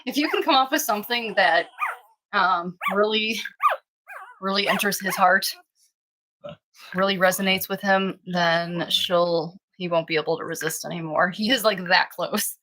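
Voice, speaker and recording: A woman's voice: medium pitch, measured pace, noisy background. A woman, chatting casually on a livestream with frequent ums. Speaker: dog breeder and livestream host.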